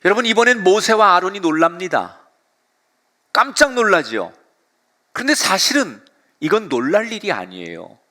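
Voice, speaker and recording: A middle-aged male pastor preaching a sermon, retelling the story with lively, dramatic delivery. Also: high voice, normal speed, pauses often.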